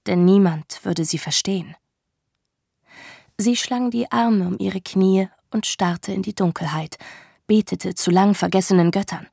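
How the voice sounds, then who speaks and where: A woman narrating a dramatic story in a slow, hushed manner. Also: medium pitch, gravelly, slightly rough, dry recording, studio quality.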